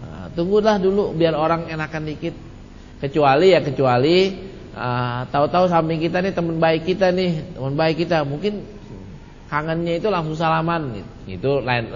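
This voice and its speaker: Male religious teacher, casual joking delivery, higher voice, muffled echoey hall recording. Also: a little hiss or hum. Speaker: Islamic study teacher. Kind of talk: religious study talk answering questions.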